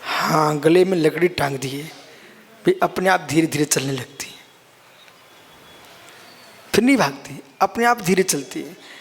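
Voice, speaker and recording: A man's voice: on the high side, a little slow, long pauses, breathy edge, long reverb tail. A man, a Jain monk, giving a sermon, explaining scripture line by line and calling his listeners son and brother.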